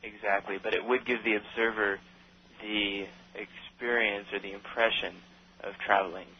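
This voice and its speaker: A man's voice: on the low side, fairly even intonation, moderate pace, a little hiss or hum. A man calling into a radio show over the phone, arguing his point with the host. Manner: argumentative, pushing his point. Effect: voice heard over the phone line. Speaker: radio call-in caller. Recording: dull lo-fi phone audio.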